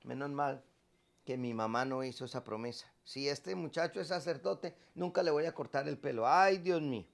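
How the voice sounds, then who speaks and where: A man's voice: a little high, moderate pace, gravelly. A man, a priest preaching a sermon and stressing points by repeating phrases.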